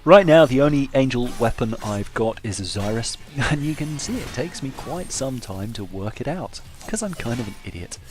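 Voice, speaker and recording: Expressive and medium-pitched, a man comments casually on a game at normal speed and with few pauses, making wry jokes about himself. Faint music sits in the background along with slight noise.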